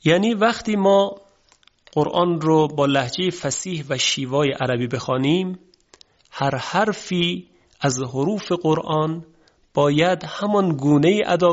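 A man whose first language is Persian teaches Quran recitation in a measured way, demonstrating Arabic vowel sounds. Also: a little high. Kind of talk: spoken lesson on Quranic pronunciation. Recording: dull lo-fi recording.

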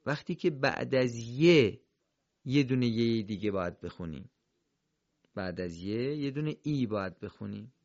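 A male recitation teacher giving a methodical recorded lesson, with a gravelly, creaky edge to his voice. He slows down to model each word carefully. The recording is dry and dull, lo-fi. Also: mid-range voice, darkish tone, dry recording. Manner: methodical, models pronunciations slowly.

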